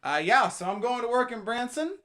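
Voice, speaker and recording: A man's voice: very high-pitched, big pitch swings, brisk, pushed and bright. A man co-hosting a theater podcast in casual chat, rambling and laughing often. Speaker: podcast co-host.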